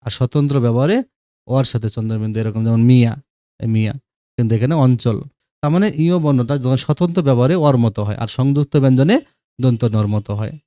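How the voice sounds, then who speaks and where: A man's voice: medium pitch, fast, warm tone, dry recording, studio quality. A man teaching a grammar lesson, repeating examples and checking whether students follow. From Bangladesh. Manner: explanatory, repeats examples, checks understanding with asides.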